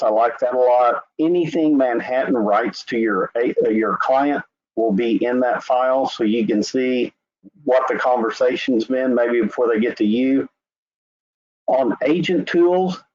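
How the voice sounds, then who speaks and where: Speaking with an Oklahoma accent, this man from Oklahoma works for an insurance company and guides viewers through a website on a screen-share webinar. He keeps it loose and relaxed, saying "uh" and "anyway" often, in a medium-pitched voice captured as dull, lo-fi video-call audio.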